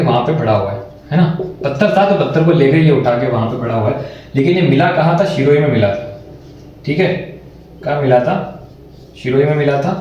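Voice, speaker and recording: A man gives an exam-prep history lesson and talks in a slightly high voice. He repeats each point and answers his own questions. The recording sounds very echoey, as if made in a bare room. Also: darkish tone, slight background noise. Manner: repeats points and asks himself questions, often adding "ठीक है". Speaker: teacher.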